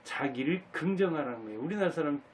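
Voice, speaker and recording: A man gives a monologue lecture, his pitch rising and falling with lively swings. He presses his points with rhetorical questions and emphatic repetition. His voice sounds slightly distant from the microphone. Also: fast talker, slight background noise. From Jinan, Jeolla, South Korea. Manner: emphatic, asks rhetorical questions and repeats key words. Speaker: channel host giving a life talk. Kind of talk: monologue lecture on happiness in old age.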